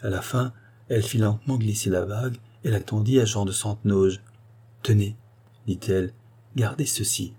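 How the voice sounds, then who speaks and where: Male audiobook narrator, low husky voice, calm and expressive. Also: a little fast. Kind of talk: scripted narration.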